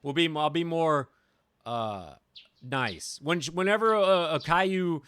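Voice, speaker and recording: A streamer plays a visual novel, chatting casually and reading game text aloud in a playful, joking manner while often repeating phrases. The voice is mid-range, slow, smooth, and fairly bright, recorded at studio quality with no echo and game music behind.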